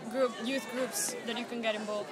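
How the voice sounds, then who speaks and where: A woman's voice: a little high, fairly even intonation, normal speed. A young woman from Peru, a student answering interview questions hesitantly, often restarting her sentences. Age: young adult. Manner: hesitant, searching for words with many restarts. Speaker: conference volunteer and student. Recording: loud crowd chatter behind.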